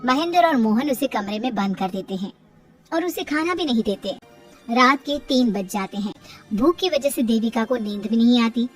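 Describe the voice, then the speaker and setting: High-voiced woman narrating a story. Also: normal speed, distant mic. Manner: steady storytelling. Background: soft music.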